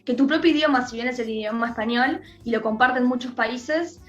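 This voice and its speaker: A woman's voice: fairly high pitch, a little fast, highs cut off, soft background music. A woman from Uruguay with a Rioplatense accent, a radio guest talking in a chatty way with many restarts. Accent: Rioplatense Spanish. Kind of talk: conversational radio interview.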